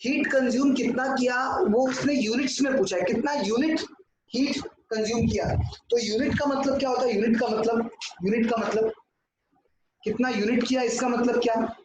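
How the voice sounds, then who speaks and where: A man's voice: very high-pitched, steady tone, moderate pace. A man teaching a class, working through sums on a board and putting questions to the students that he then answers himself. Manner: talks at a board, asks and answers his own questions, mixes in English. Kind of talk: classroom lecture. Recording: echoey room with clear noise.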